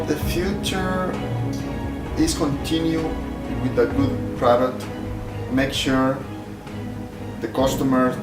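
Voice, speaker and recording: A middle-aged man from El Salvador, a shop owner answering interview questions in a plain, hesitant way with many fillers. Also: mid-range voice. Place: clutch workshop. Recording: roomy sound from a distant mic, music behind.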